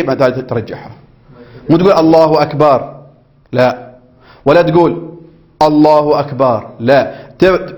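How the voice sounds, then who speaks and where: A man's voice: a little high, a little mellow. A man teaching a jurisprudence lesson, reading from a text and explaining it, often checking that his students follow and acting out phrases several ways. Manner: explanatory, keeps checking understanding with the class; demonstrates and repeats phrases in different ways. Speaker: religious teacher.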